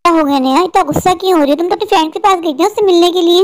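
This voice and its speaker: A woman doing a tired cartoon husband, calm and patient, voice stays really high. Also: rapid-fire. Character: weary patient husband, man. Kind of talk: cartoon dub voice acting.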